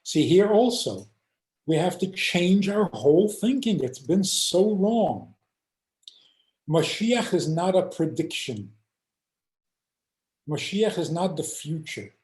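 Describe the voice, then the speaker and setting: Older male rabbi, unhurried, animated storyteller; roomy echoey video-call sound. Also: high-pitched. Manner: animated storyteller acting out quoted voices. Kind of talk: teaching talk with stories.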